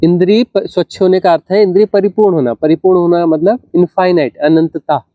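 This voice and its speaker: A man, a spiritual teacher, gives an unhurried discourse, repeating phrases for emphasis and asking rhetorical questions. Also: sits high, fairly even intonation, no echo, narrow, tinny audio.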